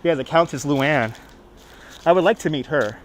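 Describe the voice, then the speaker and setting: A man's voice: fairly high pitch, normal speed, rough recording. A middle-aged man with a Brooklyn accent hosting a casual walking live stream outdoors in the city, chatting and repeating himself. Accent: Brooklyn, New York. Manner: chatty, reading and answering viewers aloud, repeats himself. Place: outdoors on busy Manhattan streets. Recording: street noise, outdoor city ambience.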